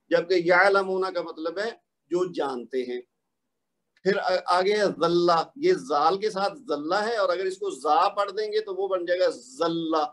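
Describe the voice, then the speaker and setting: A man teaching Quran recitation rules in a patient, explanatory lesson, asking questions and giving examples. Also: sits high.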